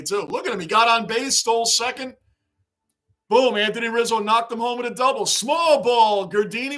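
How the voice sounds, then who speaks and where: A man hosting a casual sports livestream, chatting excitedly and shouting greetings as he reads viewer comments. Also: sits high. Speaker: livestream host. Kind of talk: casual livestream chat reading fan comments.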